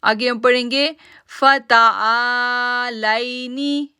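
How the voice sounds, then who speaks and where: A woman teaching recitation rules, her voice bright and crisp, set a little high. She stretches each word out slowly as she demonstrates it, then explains the rule in a calm, measured way. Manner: addresses listeners as sisters. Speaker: tajweed teacher. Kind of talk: online Quran recitation lesson.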